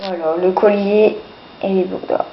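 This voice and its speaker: Sniffling with a cold, a woman shows off items she bought on sale, talking casually but hesitantly, with lots of fillers and a habit of saying "voilà." She speaks a little fast, with medium pitch and fairly even intonation. Background noise is present, and the dull, lo-fi home recording sounds echoey and distant.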